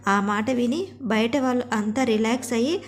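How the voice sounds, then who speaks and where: A woman storyteller reading a scripted family story in a steady, expressive way. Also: fairly high pitch, moderate pace.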